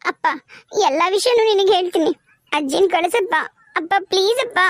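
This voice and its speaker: Woman doing a scared little cartoon daughter, north karnataka accent, super high voice, begging. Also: expressive, a little fast, no room sound, clean studio sound. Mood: pleading. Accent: North Karnataka Kannada. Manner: pleading, urgent. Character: young frightened daughter pleading with her father. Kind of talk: cartoon voice acting.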